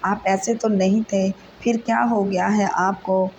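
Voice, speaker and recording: A woman's voice: medium pitch, flat delivery, darkish tone, highs cut off, a little hiss or hum, close to an everyday voice. A woman reading the lines of a devoted young wife who coaxes and pleads with her husband. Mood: pleading. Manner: coaxing, pleading.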